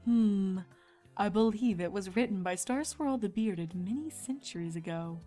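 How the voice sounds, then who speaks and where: A woman voicing a kindly, mature pony princess and mentor in a cartoon-style fan story, with a composed, regal, measured manner. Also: mid-range voice, mellow, faint music behind, lightly acted.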